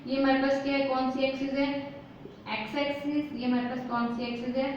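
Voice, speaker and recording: A woman's voice: sits high, flat delivery, a little fast, darkish tone. A woman teaching a chemistry lesson, often asking a question and then answering it herself, with English terms mixed in. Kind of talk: classroom lesson explaining at a board. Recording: very echoey room, dull lo-fi sound, faint noise.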